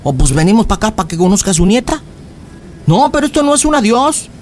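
A man's voice: sits high, big pitch swings, fast talker, darkish tone, slight background noise. A man voicing a pleading young boyfriend in a radio prank call. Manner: pleading, swears oaths, wheedling.

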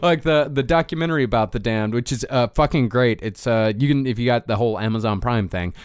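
A man's voice: mid-range voice, fast talker, clean tone, no room sound. Man, podcast co-host, casual chat and narration, swears freely, very dry recording. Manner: animated, swears freely, laughs a lot.

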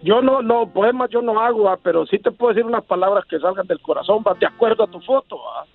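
High-pitched, gravelly Salvadoran man. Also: quick pace. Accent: Salvadoran Spanish. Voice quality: mumbled diction. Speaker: radio dating-show caller. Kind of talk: casual phone chat. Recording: muffled call, faint music behind.

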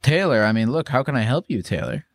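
A man's voice: mid-range voice, very animated, fast, no echo. A man hosting a podcast, talking to callers in a blunt, informal way. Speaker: podcast host. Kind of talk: casual call-in chat.

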